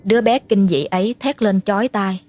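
A woman narrating a horror story in a measured storytelling manner. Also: mid-range voice, darkish tone, slight background noise. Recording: faint music underneath.

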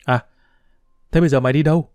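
A man's voice: a little high, fairly even intonation, a little mellow, no room sound, close to an everyday voice. A man doing a cheeky, boastful street urchin boy. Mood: cocky. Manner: boastful, quick, teasing. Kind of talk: audiobook character voice.

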